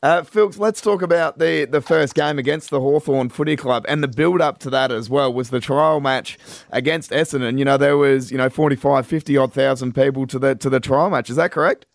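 A male Australian sports co-host chats in a blokey, colloquial style. His voice has a noticeable gravelly fry, and the sound is close and dry. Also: medium pitch, fairly even intonation, a little fast, dry recording. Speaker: radio show co-host. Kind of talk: casual sports radio chat.

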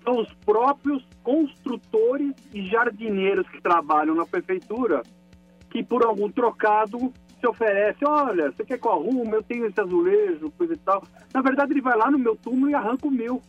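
High, husky man calling in by phone. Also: animated, normal speed, no room sound, faint music behind. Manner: indignant, emphatic storytelling. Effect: over the phone. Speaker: caller. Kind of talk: call-in complaint. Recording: muffled phone line.

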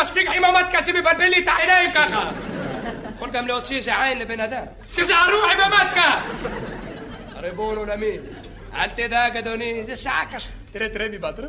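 A man playing a boastful, chatty beach lifeguard who rambles, jokes and yells at bathers in a comedy sketch. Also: extremely high pitch. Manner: rambling, joking, shouting at bathers. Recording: live audience laughter and noise. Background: audience laughing.

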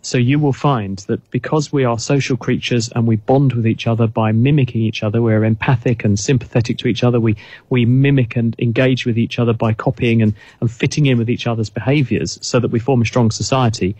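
A man talks through his ideas on a chat show in a measured, explanatory way, often restarting his sentences. His voice sits at a middle pitch and is recorded close and dry, with no room sound. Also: steady tone, a little mellow, dry recording. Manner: thoughtful, explanatory, with frequent restarts. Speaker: guest expert. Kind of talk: casual radio chat.

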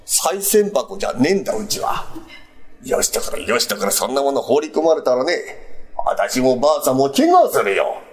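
A man's voice: medium pitch, huge pitch swings, moderate pace. A man voicing a stubborn, pompous elderly landlord with an old Edo Tokyo accent, drawling and mocking in rakugo storytelling. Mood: sneering. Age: older.

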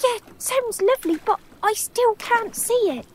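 A woman's voice: extremely high pitch, animated, unhurried. A woman voicing small cheeky creatures, a gross-out fly and a sleepy worm, in a children's audio story, chirpy and relishing. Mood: doubtful.

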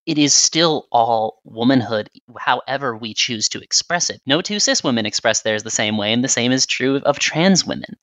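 A woman's voice: very deep voice, lively intonation, normal speed, hardly any pauses, a bit bright, no echo, rough recording. A young adult woman giving earnest, reflective interview answers.

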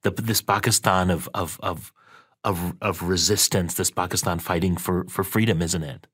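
A man's voice: low voice, steady tone, moderate pace, fairly bright tone, breathy edge. A man hosting an interview, asking admiring questions with frequent restarts. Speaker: interview host.

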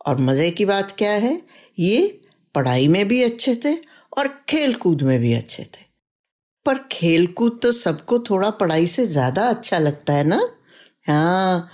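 A woman's voice: mid-range voice, husky. A woman telling a children's story in a chatty way, often asking the listener questions. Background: soft guitar music.

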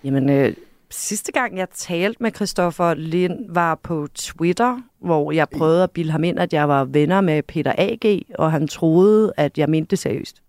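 A woman's voice: low-pitched, darkish tone, no room sound. A woman guest in a casual studio conversation, talking hesitantly with many fillers and dry self-mockery. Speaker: podcast guest, journalist. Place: radio studio.

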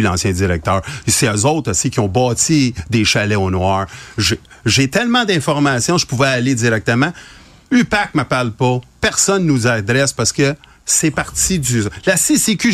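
A man's voice: mid-range voice, no room sound. Insistent Québécois man, dry sound. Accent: Québécois French. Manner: insistent, emphatic. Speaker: guest. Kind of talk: radio interview.

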